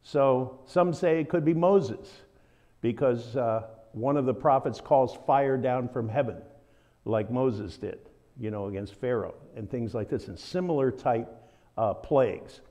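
A man's voice: medium pitch, a little slow, mellow. A man with a Southern American accent teaching a Bible study in a conversational, folksy way, full of asides.

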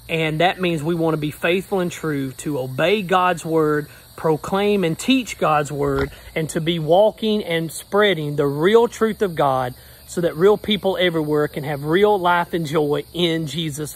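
Upbeat pastor, fairly high voice. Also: male voice, slightly rough. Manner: earnest, upbeat, rhythmic preacher's phrasing. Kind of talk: casual selfie update video. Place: backyard outdoors. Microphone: phone at arm's length.

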